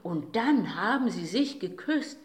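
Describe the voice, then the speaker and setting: A woman's voice: medium pitch, expressive, measured pace, lightly acted. A woman voicing a small, eager young day who is easily hurt, talking breathlessly, in a roomy recording. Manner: breathless, eager then stammering. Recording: roomy echo.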